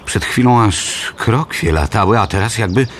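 A man's voice: lowish voice, expressive, normal speed, a bit bright, slight background noise. An actor playing a chatty, nosy male bard who talks in exclamations. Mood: excited.

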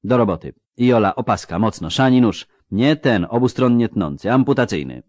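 A man voicing a male halfling field surgeon who gives orders with dry, mocking, clinical calm. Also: lowish voice, normal speed, dry recording, pitched above the performer's own voice. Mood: brisk, sardonic.

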